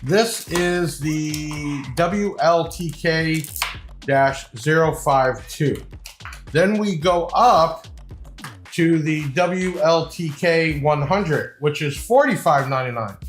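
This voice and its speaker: A man with a fairly high voice speaks slowly, giving a casual, off-the-cuff product review in an informal, salesman-like way. The room is echoey, with faint music playing in the background.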